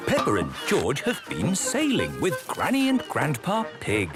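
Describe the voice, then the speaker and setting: The storyteller of a children's cartoon. His British narration is plain-spoken yet very animated in pitch, with music clearly behind it. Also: a little slow. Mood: cheerful, matter-of-fact. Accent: British English. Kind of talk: scripted narration of a preschool cartoon.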